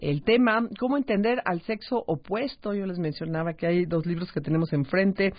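A man's voice: high-pitched, normal speed, no room sound. A Mexican man hosting a radio talk show, chatty and explanatory, often checking in with a "¿verdad?". The sound is a muffled radio broadcast. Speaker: radio host. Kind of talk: casual radio chat.

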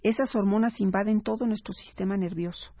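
A woman, a parenting expert speaking as a guest on a radio talk show, explaining calmly and acting out parents and children. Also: mid-range voice, a little fast, no room sound. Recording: slightly dull radio broadcast sound.

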